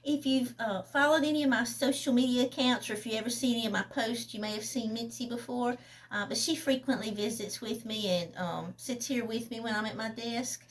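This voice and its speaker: A woman chatting casually, then reading a passage from her own novel aloud in an unhurried way. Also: a little high.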